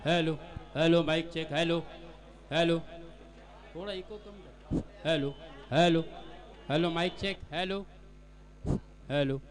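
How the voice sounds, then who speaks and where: Slow man testing a PA loudspeaker. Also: fairly high pitch. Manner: repeats short test calls slowly. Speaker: announcer doing a mic check. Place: outdoor cricket ground.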